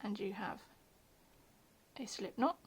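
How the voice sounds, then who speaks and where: A woman talks through a beginner crochet lesson in a relaxed, chatty way, at a middling pitch for a woman. She is self-deprecating and slips into soft near-whispers as she concentrates on her hands. She admits to having a slightly posh telephone voice on. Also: takes it slowly, husky. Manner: chatty, self-deprecating, drops to murmurs while working. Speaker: crochet tutorial host. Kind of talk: casual home tutorial.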